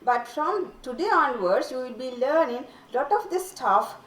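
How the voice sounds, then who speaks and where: A woman's voice: sits high, lively intonation, a little slow, fairly bright tone. A woman compering a formal event in a large auditorium, speaking directly to the new graduates. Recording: roomy hall, voice far from mic.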